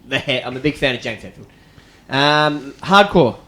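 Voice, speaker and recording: A man hosting a casual music interview, playful and quick to laugh. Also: mid-range voice, expressive, fairly bright tone. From Greek family background. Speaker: host.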